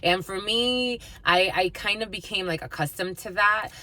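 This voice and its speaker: A woman from the northeastern US, working as a tarot and energy reader, speaks at medium pitch and normal speed with a sharp tone. Her casual live reading rambles along full of fillers as she talks warmly to her audience.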